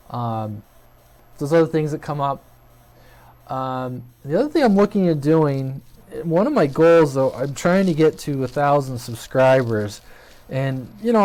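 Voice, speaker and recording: A man with a somewhat high, slightly mellow voice hosts a hobby video channel, chatting informally and off the cuff to his viewers and rambling a bit as he thinks aloud. It's a casual, unscripted channel update recorded on a USB webcam at his desk.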